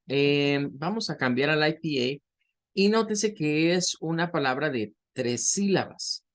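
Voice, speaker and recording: A male English teacher explaining vocabulary and pronunciation in a lecture, often checking in with tag questions and slowly repeating words. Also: a little high. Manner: explanatory, frequent tag questions, careful slow pronunciation drills. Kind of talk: online class lecture.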